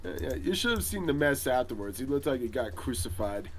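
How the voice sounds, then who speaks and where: A boastful middle-aged veteran hero with magic powers, played by a man in an improvised role-play podcast. He rambles and hesitates, leaning on filler words, in an ordinary mid-pitched voice with faint noise behind it. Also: big pitch swings, brisk, close to an everyday voice. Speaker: interview guest.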